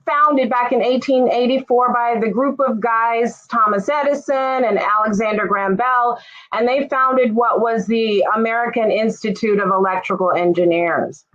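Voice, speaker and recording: A woman from Jamaica giving an informal, friendly presentation on a webinar, often pausing with "um". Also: fairly high pitch, muffled recording. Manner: friendly, relaxed, lots of "um" fillers. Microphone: video call.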